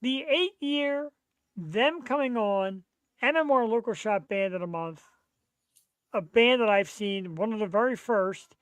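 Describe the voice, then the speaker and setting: A man, chatting casually as a podcast host in an excitable, slangy, rambling way. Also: sits high, unhurried, clear, resonant tone, no room sound. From Philadelphia, USA. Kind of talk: casual live podcast chat.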